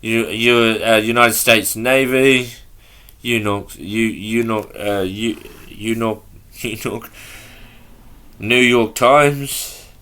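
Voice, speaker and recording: A man's voice: fairly low pitch, extremely slow, bright, forceful tone, clear, resonant tone. A man hosting a podcast in a casual, offhand way, reading aloud from notes and stumbling over words as he goes. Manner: offhand and loose. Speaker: podcast host.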